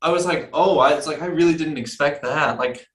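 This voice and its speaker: A young man hosting a casual movie chat podcast, lively and animated, swearing casually and jumping up in pitch when excited. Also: fairly quick. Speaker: podcast host.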